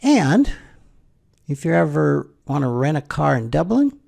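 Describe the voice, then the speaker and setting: A middle-aged American man, a financial planner, telling a personal story in a conversational, wry way and often clearing his throat. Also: fairly high pitch, very animated, a little slow, darkish tone. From United States. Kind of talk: spoken commentary, personal story.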